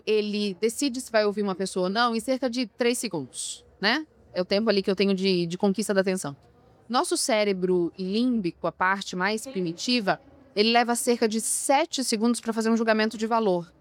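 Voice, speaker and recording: With no room sound, a woman whose voice is a little high is interviewed on a podcast as a communication coach who helps people with public speaking. She's emphatic and often turns to rhetorical questions.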